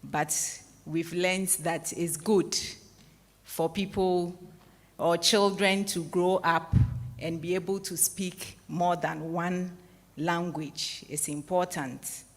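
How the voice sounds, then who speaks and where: Speaking with a lowish, steady voice, a woman in her forties from Ghana wraps up a public lecture she is moderating, offering a formal, measured summary before inviting questions. The large hall is echoey, with a long reverb tail.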